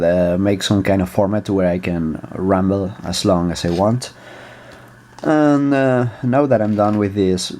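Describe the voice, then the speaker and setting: A man's voice: low-pitched, a little mellow. A man with a Spanish accent, rambling casually as a vlog host, with many fillers and restarts and some casual swearing. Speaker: video host.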